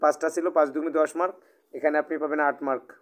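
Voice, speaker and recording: A man with a Bangladeshi Bengali accent leads a live online Chinese lesson, speaking in a somewhat raised voice. He is patient and explains things twice, rephrasing as he goes and filling pauses with "ah". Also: on the high side, fairly even intonation. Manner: patient, repeats and rephrases, many "ah" fillers. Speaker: Chinese language teacher. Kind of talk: live online language class, oral exam.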